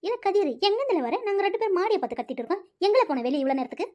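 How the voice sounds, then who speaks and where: Lady voicing a nagging cartoon mom, very high and super fast. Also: big pitch swings, a little mellow, muffled recording. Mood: scolding. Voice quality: shrill, fast scolding. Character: scolding middle-aged village mother. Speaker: cartoon voice actor.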